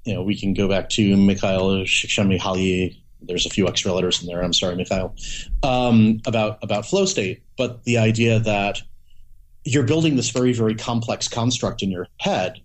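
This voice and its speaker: A man's voice: fairly low pitch, normal speed, a little hiss or hum. A man chatting casually as a podcast guest, rambling with many restarts and playful acted-out asides. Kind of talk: casual conversation.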